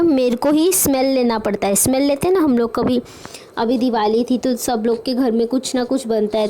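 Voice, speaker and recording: A woman teacher with an Indian accent explaining a textbook story to children, reading English lines slowly and then explaining them in Hindi. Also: sits high, mellow, rough recording. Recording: faint background noise.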